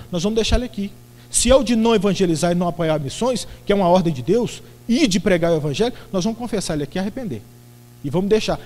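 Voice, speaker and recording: Middle-aged male preacher, high voice, theatrical storyteller, long church reverb. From Brazil. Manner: lively, theatrical storytelling with acted-out voices and shouts. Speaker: pastor. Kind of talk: sermon. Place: church sanctuary.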